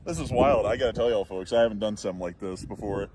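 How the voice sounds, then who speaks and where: A man's voice: on the low side, fast talker, a little mellow. A man chatting casually outdoors in a windy, very noisy phone video. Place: outdoors on a chairlift.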